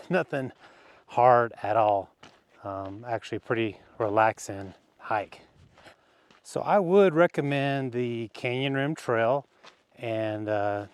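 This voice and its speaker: A man's voice: mid-range voice, clean tone, no room sound. Chatty man narrating a hike. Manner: relaxed, chatty, frequent fillers and small laughs. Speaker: hiking vlogger. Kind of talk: casual narration while hiking. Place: outdoors on a desert canyon trail.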